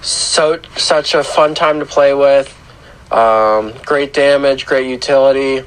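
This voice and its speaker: A man with a hoarse, grating voice from a sore throat gives casual, unscripted gaming commentary in a halting, matter-of-fact way. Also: medium pitch, rough recording. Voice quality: rough, grating. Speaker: gaming channel host. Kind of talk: casual video game account tour commentary.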